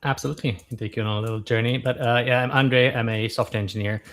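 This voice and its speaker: A man in his thirties from Romania, a guest on a podcast interview, talking in a relaxed, thoughtful way with frequent fillers. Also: medium pitch, very fast. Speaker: guest, startup founder.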